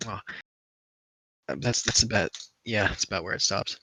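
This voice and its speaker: A man's voice: fairly low pitch, normal speed, bright, forceful tone, no echo, poor audio. A young man, co-hosting a podcast in a laid-back, joking way, sleepy. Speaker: podcast co-host. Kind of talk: casual chat.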